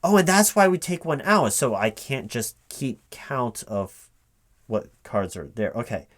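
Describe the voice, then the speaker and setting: A man voices a recruiting manager questioning a gamer in a one-sided ASMR roleplay, speaking normally rather than whispering. His mid-range voice has a sing-song lilt, and he chats haltingly with the unheard partner as if puzzling matters out.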